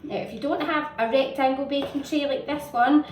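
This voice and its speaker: Steady and a little mellow, her high voice moves at a normal speed as she guides children through a baking demonstration with easy, upbeat steps. She hosts a kids' baking show from an indoor home kitchen. Clattering utensils, echo, and kitchen noise come through on the far-off microphone.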